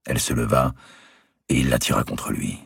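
A man reading aloud a historical novel in an expressive storytelling manner. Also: very deep voice, normal speed, gravelly, husky, no echo, clean studio sound. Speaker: audiobook narrator. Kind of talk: scripted narration of a historical novel.

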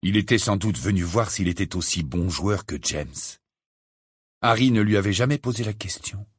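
Husky man reading an audiobook. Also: fairly low pitch, moderate pace, dry recording, studio quality. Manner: expressive, dramatic reading. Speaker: audiobook reader. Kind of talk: scripted narration.

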